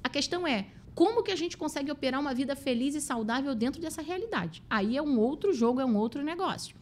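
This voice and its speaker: Fast-talking Brazilian woman, emphatic. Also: sits high, lively intonation. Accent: Brazilian Portuguese. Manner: emphatic, quick, acts out quoted voices. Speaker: guest expert on relationships. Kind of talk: animated conversational explaining.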